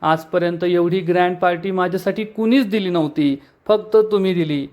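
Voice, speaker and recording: A man reading out the lines of a tipsy young woman at a party, in his own narrating voice and a little high-pitched. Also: fairly even intonation, normal speed, darkish tone, lightly acted. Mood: gushing.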